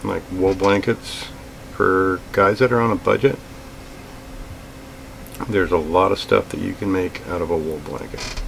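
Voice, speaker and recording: Middle-aged man, deep and rough-edged, unhurried casual vlog delivery with a faint room hum behind. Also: low-quality recording. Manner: relaxed, plain-spoken, with frequent fillers. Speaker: outdoors vlogger. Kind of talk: casual gear talk to camera. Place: small indoor room with shelves of gear.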